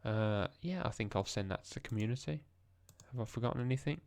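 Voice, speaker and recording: A young man, talking in a hushed, tired voice as he thinks aloud through language practice in a casual vlog. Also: mid-range voice, animated, fast talker, vocal fry, no room sound. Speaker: language learner vlogger. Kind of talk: casual screen-recorded vlog.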